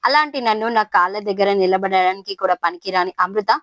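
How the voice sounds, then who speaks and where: Woman reading a proud, bitter young wife, mid-pitched and dry. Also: fairly quick, fairly bright tone, dry recording, lightly acted. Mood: indignant. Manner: resentful, indignant.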